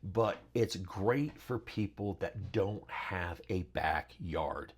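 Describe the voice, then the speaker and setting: A man's voice: low-pitched, slow pace, breathy edge. A middle-aged man hosting a casual how-to talk, rambling with lots of fillers and chatty asides. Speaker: channel host.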